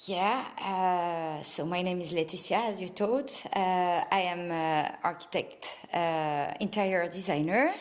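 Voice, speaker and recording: A woman's voice: on the low side, measured pace, few pauses. A woman with a French accent, an interior designer speaking as a guest in a casual interview, hesitant, with many filler sounds. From France. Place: a home she designed.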